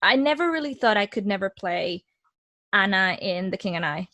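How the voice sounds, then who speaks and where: A young Mexican actress speaks as a guest in a casual interview over a video call, with a mid-range voice at a moderate pace and no room sound. She's candid and animated, often restarting her sentences.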